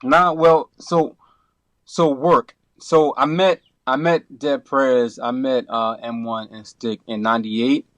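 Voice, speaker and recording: A middle-aged man from Brooklyn, a podcast guest who talks in a relaxed, rambling way, full of restarts and you-knows. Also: mid-range voice, slow, no echo. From Brooklyn, New York. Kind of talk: casual interview.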